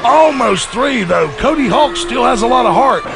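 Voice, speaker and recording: A man calling play-by-play as an excited wrestling commentator, shouting and exclaiming. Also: very high voice, normal speed, vocal fry. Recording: loud music and crowd behind. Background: loud crowd and music.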